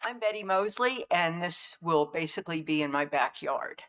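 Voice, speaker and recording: A woman's voice: fairly low pitch, lively intonation, normal speed, fairly bright tone. A seventy-year-old woman speaking at a county meeting, heartfelt and near tears, speaking of God and the prairie. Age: 70s. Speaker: rancher neighbor giving public comment. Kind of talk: public comment at a county meeting. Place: county commission meeting room.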